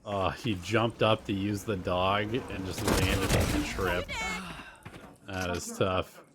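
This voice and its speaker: A man's voice: low-pitched, steady tone, slow, heavy background noise. A man giving live colour commentary and analysis as an esports caster.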